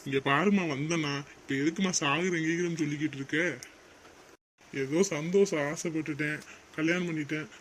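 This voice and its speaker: A man voicing a calm middle-aged father in a cartoon family drama, soothing and dismissing the quarrels. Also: a little high, a little fast, slight background noise, close to an everyday voice. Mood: placating.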